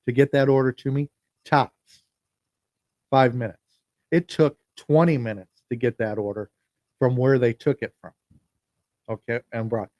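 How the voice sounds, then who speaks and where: A man's voice: medium pitch, steady tone, unhurried, long pauses, darkish tone, no room sound, clean studio sound. A man hosting a podcast livestream, chatting casually and rambling, often repeating and restarting his sentences. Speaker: podcast host. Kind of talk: casual solo livestream talk. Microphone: phone.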